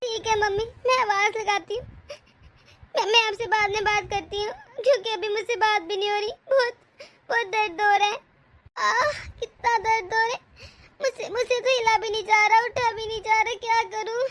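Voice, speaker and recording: A woman's voice: extremely high pitch, steady tone, brisk, a bit bright, a little hiss or hum. A tearful young pregnant daughter-in-law, voiced by a woman. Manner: tearful, pleading. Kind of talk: cartoon voice acting.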